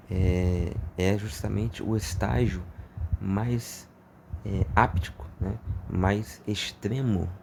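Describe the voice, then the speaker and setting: A man explaining a word in an unscripted lesson, hesitant and filling pauses with filler sounds and tag questions, often repeating himself. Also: low-pitched, creaky, background noise. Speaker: vocabulary teacher.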